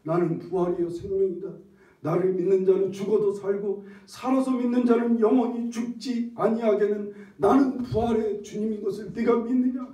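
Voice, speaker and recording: Solemn proclaiming male figure voiced by a preacher, high voice, mellow tone, echoey hall from far off. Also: fairly even intonation, moderate pace, close to an everyday voice. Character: solemn authoritative male Jesus.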